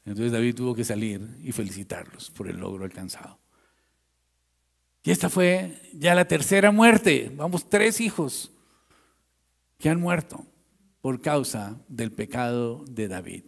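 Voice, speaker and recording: A male pastor preaching a sermon in a church. He tells the story dramatically, swinging from loud, raised lines to hushed ones. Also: mid-range voice, unhurried, gravelly, pauses often, long reverb tail.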